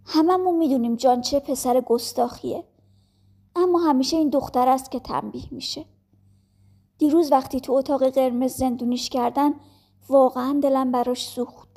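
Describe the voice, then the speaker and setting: A woman's voice: sits high, steady tone, mellow. Chatty, kind-hearted maid, voiced by a woman narrator, sympathetic tone. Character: warm-hearted young woman nursemaid, gossipy.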